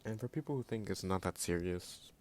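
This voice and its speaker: Lively intonation and a fairly quick pace mark this low-pitched man's opinion rant as a YouTube creator. Blunt and sarcastic, he keeps saying "like," sounds jittery at times, and there's slight background noise.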